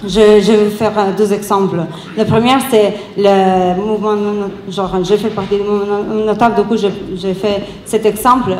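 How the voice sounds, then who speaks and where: A woman's voice: medium pitch, flat delivery, a little mellow. A woman from Italy with an Italian accent in French gives an improvised activist speech, hesitating and rephrasing as she searches for words. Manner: halting non-native French with hesitations and rephrasing. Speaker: activist speaker at a round table. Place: round-table event, speaking to an audience. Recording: roomy echo with faint background noise.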